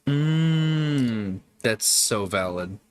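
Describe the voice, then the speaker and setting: A man's voice: mid-range voice, expressive, drawn-out words, smooth. A man hosting a casual livestream, chatting with viewers in a rambling, profane way. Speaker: livestream host. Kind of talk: casual live-stream chat.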